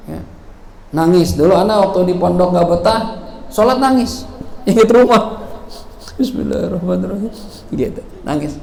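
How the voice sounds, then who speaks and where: A man's voice: high-pitched, moderate pace, gravelly, pauses often, darkish tone. A man teaching religious law in a prayer hall, playful and acting out examples with frequent laughs. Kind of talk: sermon. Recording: echoey hall, faint ambient noise.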